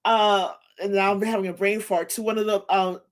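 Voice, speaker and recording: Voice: medium pitch, little pitch movement, moderate pace. Enthusiastic interview host. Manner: enthusiastic, laughs often. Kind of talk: casual interview chat.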